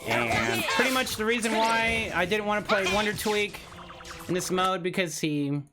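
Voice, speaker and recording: A man's voice: high voice, animated, normal speed, over loud music. A man doing live game commentary as a streamer, grumbling and swearing as he goes. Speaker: gaming streamer.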